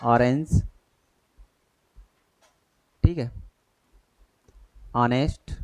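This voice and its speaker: A man's voice: medium pitch, steady tone, very slow, clean tone. A man teaching an exam-prep grammar lesson, often quizzing his students and checking they follow. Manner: questioning, repeats checks like "thik hai".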